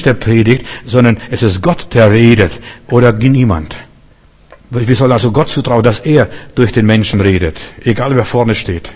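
A man preaching a sermon in an earnest, lively way, with sudden loud emphases, soft drops and excited stammers. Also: mid-range voice. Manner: stammers and restarts when excited. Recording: long hall reverb.

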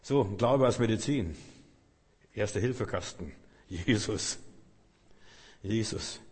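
Husky man preaching in a hall. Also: on the low side, takes it slowly. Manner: emphatic, acts out prayers and cries loudly. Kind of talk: sermon. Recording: long reverb of a large hall.

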